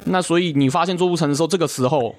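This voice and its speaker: A man's voice: fairly high pitch, very fast. A man giving blunt, persuasive advice in casual chat, often checking "right?".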